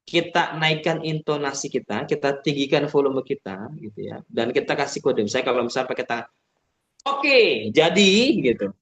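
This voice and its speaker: A man runs a casual webinar on public speaking, explaining things step by step and often tacking a filler onto the ends of his sentences. He acts out shouting teachers and chirpy call-and-response. His mid-range voice is steady and a little fast.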